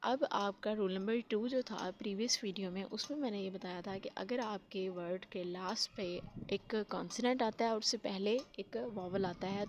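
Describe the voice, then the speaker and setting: A woman teaching spelling rules, explaining patiently step by step and mixing in English terms. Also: mid-range voice.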